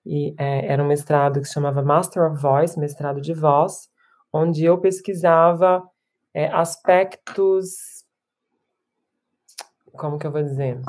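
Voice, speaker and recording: Woman in her 30s, low mellow voice, a reflective musician interviewee. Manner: reflective, with many restarts and tag questions. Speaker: musician and performer being interviewed. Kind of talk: casual interview talk.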